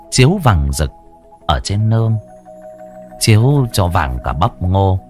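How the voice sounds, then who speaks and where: A man, narrating a ghost story in a lively, colorful way. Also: low voice.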